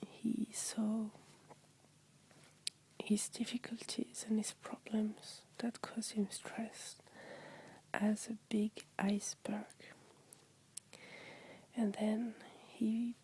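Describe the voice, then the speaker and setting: A woman with a French accent in whispered ASMR talk, gently explaining things in simple words. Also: fairly high pitch, little pitch movement, slow pace, long pauses, low-quality recording.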